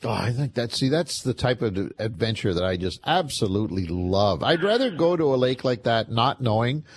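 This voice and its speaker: A man's voice: medium pitch, sing-song, moderate pace, breathy edge. A man hosts an outdoor radio show with folksy energy. His voice swings widely up and down as he talks. He plugs sponsors and greets his guest like an old buddy. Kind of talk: upbeat radio hosting.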